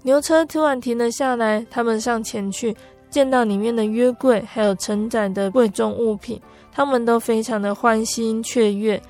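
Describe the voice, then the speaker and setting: A woman narrating a Bible story for a podcast in a gentle, unhurried storytelling manner with soft filler particles. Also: on the high side, fairly even intonation, faint music behind.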